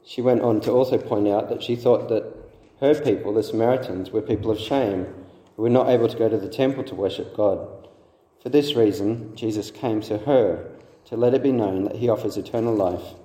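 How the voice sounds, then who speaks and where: A man preaching a sermon, explaining a scripture passage in a measured way with occasional restarts. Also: lowish voice, warm tone. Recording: echoey hall with long reverb.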